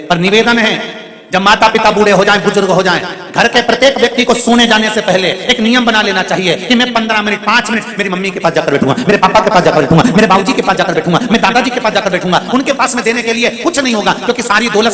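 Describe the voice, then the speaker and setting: A man preaching a devotional sermon, telling stories and repeating key phrases, moving between loud and soft speech. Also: sits high. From central India. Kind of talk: devotional sermon with sung verses. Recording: echoey live venue with music.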